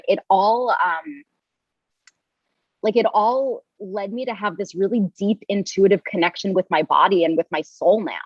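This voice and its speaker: A woman's voice: mid-range voice, no echo. Chatty woman on a dull dry line. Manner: rambling with many restarts and likes. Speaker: podcast guest, yoga teacher and coach. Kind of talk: casual interview chat.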